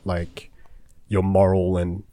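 Low nasal-voiced man with a cold. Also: completely flat delivery, slow pace, mellow, no echo. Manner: rambling, many fillers and restarts. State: congested with a cold. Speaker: podcast host. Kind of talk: casual chat.

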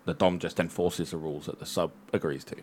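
A man's voice: low-pitched, flat delivery, fast talker, husky. A man co-hosting a podcast, blunt and cheeky in casual argument. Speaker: podcast co-host. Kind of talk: casual chat.

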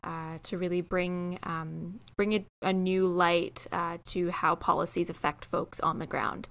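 A woman's voice: fairly low pitch, fairly even intonation, unhurried, creaky, fairly bright tone. A young woman co-hosting a podcast, asking questions in a casual, hesitant way full of ums. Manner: hesitant, lots of ums, upbeat. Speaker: podcast co-host.

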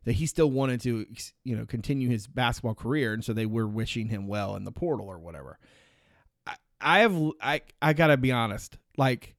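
A male podcast host in natural, unscripted talk. His voice sits a little high for a man and is recorded close and dry. He talks informally and jokes as he goes. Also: dry recording.

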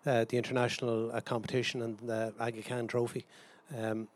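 An Irishman with a hesitant, halting way of talking, answering questions in a live interview. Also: mid-range voice, monotone. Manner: hesitant, halting, frequent pauses.

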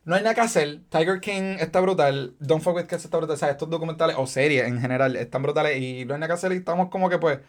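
Man, Puerto Rican accent, young adult, casual podcast chat, somewhat high pitch, profane, animated. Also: quick pace, few pauses. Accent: Puerto Rican Spanish. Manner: animated, profane, laughing storyteller. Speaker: podcast host.

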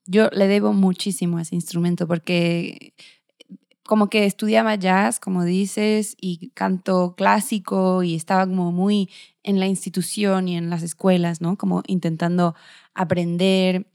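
A woman with a fairly low voice speaks as a musician guest in an interview. She talks in a reflective, searching way, with soft pauses, and the sound is dry and close. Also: little pitch movement, smooth, no room sound.

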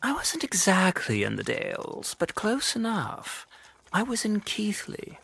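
A man playing a stiff, wry Victorian police inspector in an audio drama, husky, officious and dryly courteous. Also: high-pitched, huge pitch swings, a little slow, fairly bright tone, full character voice. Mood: matter-of-fact.

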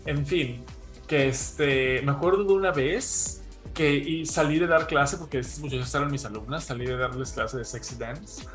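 A man, telling a gossipy story in animated casual chat with a co-host. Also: medium pitch, moderate pace, faint music behind. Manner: animated gossipy storyteller, calls listener "hija".

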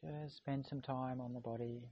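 A man speaking calm, slow, soothing instructions as he guides a meditation. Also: medium pitch, husky, muffled recording.

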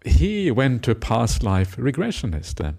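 A middle-aged Norwegian man, a Buddhist monk, gives a reflective Dhamma talk in a mid-range voice with vocal fry. His pitch swoops wildly while his pace stays measured. He often closes a point with a questioning "eh?", along with gentle laughter and hesitant fillers.

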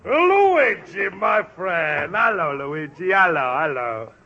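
A man's voice: high-pitched, big pitch swings, takes it slowly, exaggerated voice. An actor playing a boisterous, bossy Italian immigrant father who talks in jovial broken English with an Italian accent, in a 1950s radio comedy. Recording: dull lo-fi old radio recording with loud hiss.

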